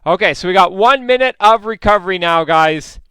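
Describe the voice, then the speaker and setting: A male coach leads a live indoor cycling class, upbeat and instructive as he encourages riders by name. His voice sits high and sounds bright and crisp. The recording is dry and close, with no room sound. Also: expressive, fairly quick, no room sound, low-quality recording.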